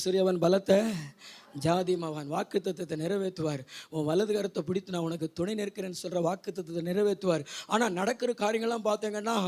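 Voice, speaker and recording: A man pastor, preaching at a church service and calling the congregation to repeat his phrases, moving from quiet urging to loud shouted declarations. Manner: high-pitched, repeats phrases for the congregation to echo. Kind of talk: Pentecostal sermon with call-and-response.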